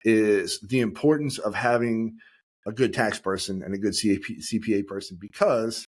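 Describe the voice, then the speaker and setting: A man's voice: lowish voice, moderate pace. A man hosting a podcast, a former police officer, asking loose conversational questions in a casual interview.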